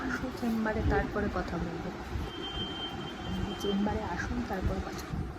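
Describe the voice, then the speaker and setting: For her home vlog, a middle-aged family vlogger speaks casually in a West Bengal accent, wandering off and restating things repeatedly. She talks at normal speed in a medium-pitched voice, and the home recording is clearly noisy.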